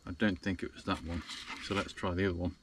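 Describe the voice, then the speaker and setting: A man's voice: low voice, level tone, fast, background noise. A man chatting casually to camera from inside a small parked van, rambling with lots of ums. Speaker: van-life vlogger.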